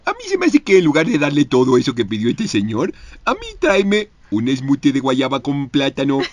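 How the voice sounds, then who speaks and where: A man voicing a vain, excitable, playful cartoon lemur king in a theatrical, sassy manner. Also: medium pitch, brisk. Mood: coaxing, playful. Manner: theatrical, sassy, swooping between exclamations and asides.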